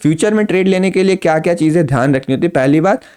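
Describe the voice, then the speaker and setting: Rapid-fire yet smooth, his slightly high voice has a touch of mellowness. The man teaches trading to beginners in a to-camera lesson, explaining patiently and repeating ideas with plain everyday examples.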